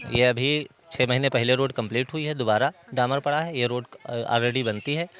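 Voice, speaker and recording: A man's voice: medium pitch, moderate pace, a bit bright, clean tone. Articulate village man explaining local issues. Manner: informed, explains in detail. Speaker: villager interviewee. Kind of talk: outdoor interview. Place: outdoors in a village.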